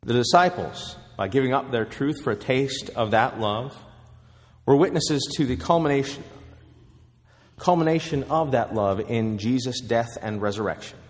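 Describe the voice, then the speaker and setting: A man preaching a sermon, telling a story with measured pauses. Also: mid-range voice, lively intonation, in a large hall.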